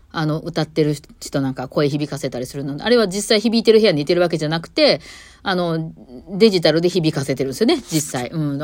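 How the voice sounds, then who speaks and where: A woman's voice: sits low, a little mellow, dry recording. Chatty woman. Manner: chatty and explanatory, with many fillers. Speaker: violinist and podcast host. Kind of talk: casual solo talk. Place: recording studio.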